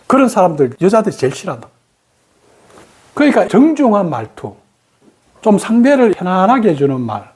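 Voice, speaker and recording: Brief: woman meditation teacher, Gyeongsang accent, very animated pitch, mid-range voice, acts out quoted lines. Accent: Gyeongsang Korean. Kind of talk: spoken meditation lesson.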